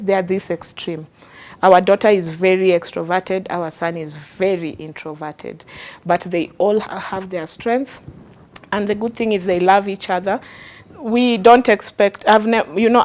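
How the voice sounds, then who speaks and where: A woman sharing personal stories as a talk show guest. She speaks in an animated, chatty way and leans on fillers as she goes. Her voice sits at an ordinary pitch for a woman. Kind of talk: candid personal storytelling.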